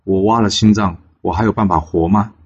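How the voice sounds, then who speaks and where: A man voicing a loyal old royal uncle, solemn, low and heavy. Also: fairly even intonation, a little fast, a little mellow, breathy edge, muffled recording. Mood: grave.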